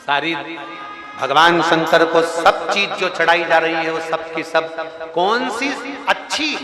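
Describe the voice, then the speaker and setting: A man's voice: a little high, slow pace. Emphatic male preacher in echoing hall. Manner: emphatic, rising to forceful exhortation. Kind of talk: devotional sermon with sung bhajan lines. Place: large religious gathering. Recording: echoey hall with loud music.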